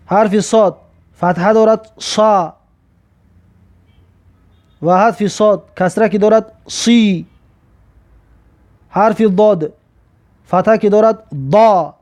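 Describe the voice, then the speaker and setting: High-voiced Tajik man drilling letters. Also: darkish tone. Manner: patient, repetitive drilling, sounding out each letter slowly. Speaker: Arabic alphabet teacher. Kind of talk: recorded alphabet lesson.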